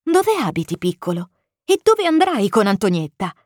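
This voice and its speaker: A woman's voice: mid-range voice, wildly swooping pitch, moderate pace, a little mellow, no echo, studio quality. A woman voicing a kind, amazed stranded pilot in a storybook reading, speaking in a patient, coaxing way. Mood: gentle coaxing.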